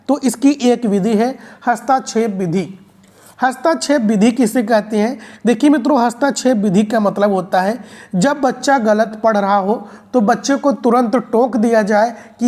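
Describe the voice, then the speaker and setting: A woman's voice: on the high side, darkish tone. A woman giving an explanatory video lecture for exam preparation, repeating key points and calling her viewers friends. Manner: repetitive, drilling explanations with frequent "friends" address. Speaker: exam-prep teacher.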